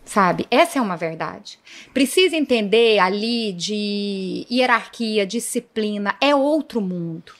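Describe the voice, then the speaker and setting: A woman's voice: mid-range voice, animated, unhurried. A woman, a police chief being interviewed, telling her story vividly and often speaking to the audience. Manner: vivid, dramatic retelling, often addresses the audience.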